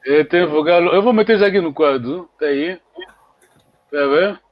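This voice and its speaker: A man teaching an online language lesson, patiently repeating words slowly for his students. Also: on the high side, dull audio.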